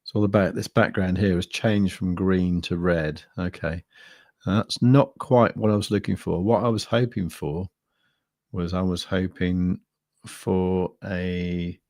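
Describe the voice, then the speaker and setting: A man's voice: deep voice, steady tone, unhurried, a little mellow, no echo. A man hosting a crypto live stream, chatting casually and rambling with lots of fillers and restarts. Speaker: crypto livestream host.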